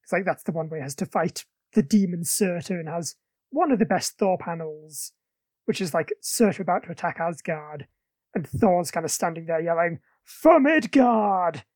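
Chatty woman, low-pitched. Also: moderate pace, a little mellow, no room sound. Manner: enthusiastic comics fan, chatty. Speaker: podcast co-host. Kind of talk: casual film review chat.

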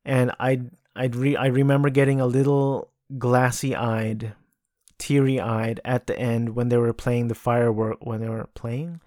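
A podcast host talks about movies on his own in a casual, unhurried way, rambling and restarting with plenty of filler. His voice is middle-pitched and darkish, recorded dry and close in a home room with no room sound.

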